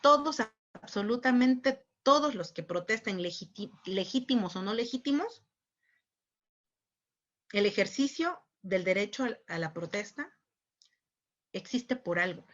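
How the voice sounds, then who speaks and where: A woman with a Mexican accent speaks at a conference at a middle pitch. Her delivery is conversational, and she often checks in with rhetorical questions and mimics other people as she talks. The recording sounds muffled and lo-fi. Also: lively intonation, measured pace, long pauses. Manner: acts out other people's voices. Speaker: conference speaker on human rights. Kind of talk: conference talk.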